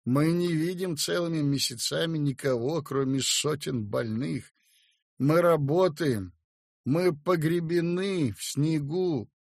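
Male audiobook narrator, gravelly, a bit high, dry close sound. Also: takes it slowly, no echo. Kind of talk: audiobook reading.

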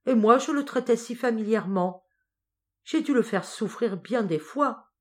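Storybook: woman voicing excitable young noble girl, questioning, mid pitch. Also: normal speed, lightly acted. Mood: distressed. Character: wide-eyed, impulsive young noble girl.

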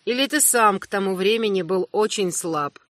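A woman voicing a calm young prince who speaks quietly and evenly in an audiobook. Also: mid-range voice, normal speed, dry recording, studio quality, close to an everyday voice. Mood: calm, cool. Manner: quiet, even, unruffled. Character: young prince with fiery eyes, calm and cold. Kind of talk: audiobook character voice.

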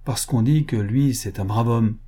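A man's voice: medium pitch, measured pace, warm tone, breathy edge. A man reading the part of a crude, greedy rich upstart with a blunt, boastful way of talking. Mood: blustering.

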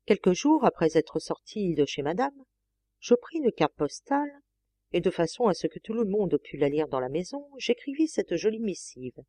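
A woman reads a first-person novel aloud in a measured, expressive way. Her pitch moves freely through each sentence. The recording is dry and close. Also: dry recording. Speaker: audiobook reader.

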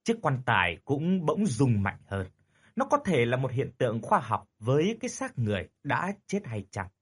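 A man's voice: medium pitch, big pitch swings, moderate pace, slightly rough. A man narrating a horror story dramatically.

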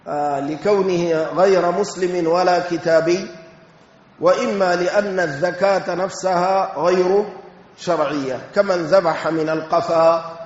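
High-voiced man teaching in an echoey hall. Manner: slow, deliberate explanation with recited verses. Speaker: Quran tafsir teacher. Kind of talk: recorded Quran exegesis lesson. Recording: echoey hall, dull lo-fi sound.

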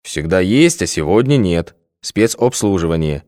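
A gruff, suspicious provincial guard giving blunt, terse answers in a storybook reading, performed by a man. His voice is low but lively in pitch. The recording is dry and close. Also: normal speed, no echo.

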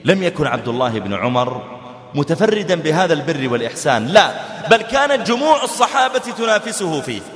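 A man's voice: on the high side, very animated, fast talker, fairly bright tone. A man preaching a sermon, telling stories and acting out the dialogue dramatically with big swings in his voice. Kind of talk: sermon storytelling. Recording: echoey hall.

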